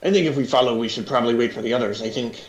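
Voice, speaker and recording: A man's voice: medium pitch, racing. A man playing a tabletop game, with a dry, self-deprecating manner. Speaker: player. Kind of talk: tabletop role-play. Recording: dull, echoey, distant mic.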